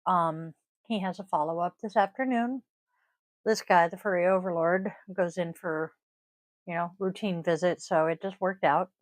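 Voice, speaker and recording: A woman with a wheezy voice chats casually to viewers as host, rambling in a halting, self-deprecating way. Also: lowish voice, fairly even intonation, no room sound. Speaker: host of a divination vlog. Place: indoors at a desk.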